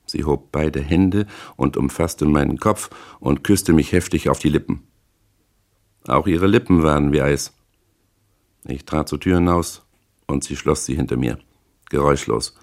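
A man reading a first-person crime novel as an audiobook, in measured, deliberate storytelling. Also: extremely low pitch, a little mellow. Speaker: audiobook narrator.

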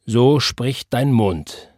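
A man's voice: mid-range voice, lively intonation, very slow, a little mellow, no room sound, studio quality. Man voicing a cold stern preacher father. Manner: stern, clipped.

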